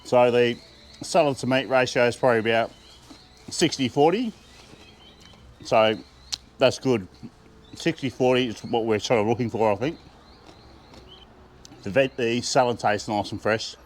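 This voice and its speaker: A man's voice: mid-range voice, measured pace, pauses often, slight background noise. A man with an Australian accent, chatting with enthusiasm as he reviews food and laughing often. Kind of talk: casual food review vlog.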